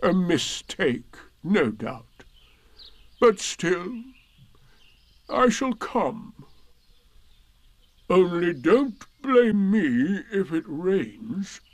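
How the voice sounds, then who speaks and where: A man voicing a gloomy, self-pitying old male donkey in a storybook reading, speaking in a slow, mournful drawl. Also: high-pitched, very animated, dry recording, voice pushed up, exaggerated voice.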